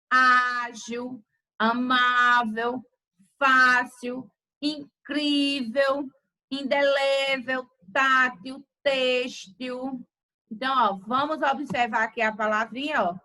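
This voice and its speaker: A woman teacher, slowly dictating words in a grammar lesson. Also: sits high, steady tone, bright, forceful tone, rough recording. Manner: slow, deliberate word-by-word dictation.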